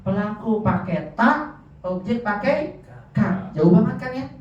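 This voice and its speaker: A man's voice: sits high, lively intonation, a little slow. A man teaching Arabic grammar in a classroom, quizzing his students with frequent questions. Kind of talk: classroom lesson. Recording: echoey room, distant dull mic.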